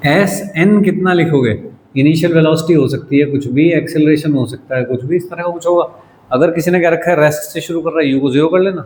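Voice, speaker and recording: In an echoey room with faint noise, a man gives a physics lecture in casual Hindi, testing his students with questions and teasing them from time to time. He speaks fairly quickly in a slightly high voice with a darkish tone.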